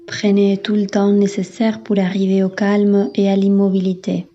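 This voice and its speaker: A woman yoga instructor leading a guided relaxation in a calm, soothing, unhurried manner with long pauses. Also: mid-range voice, lo-fi sound. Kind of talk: guided meditation, yoga nidra.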